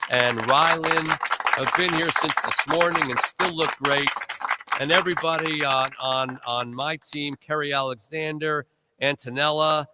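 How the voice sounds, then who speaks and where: A man's voice: a little high, fairly even intonation, measured pace, noisy background. A man hosting a live charity radiothon, rambling through long thank-you lists with joking asides, his voice worn from recent illness. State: recovering from illness, voice strained. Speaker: radiothon host.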